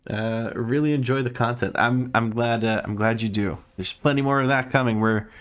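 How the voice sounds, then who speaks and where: A man's voice: medium pitch, steady tone, moderate pace, fairly bright tone, clean tone. A man from Croatia with a Croatian accent, casually commenting on his own gameplay on stream, chatty and self-mocking, swearing now and then.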